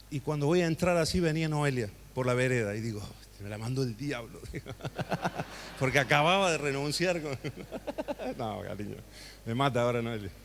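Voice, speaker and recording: A man in his forties, an Argentine pastor, preaching a sermon as a personal story with frequent asides to the congregation. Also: fairly high pitch. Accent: Argentine Spanish. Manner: conversational, tells a story with many asides to the congregation. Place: church hall.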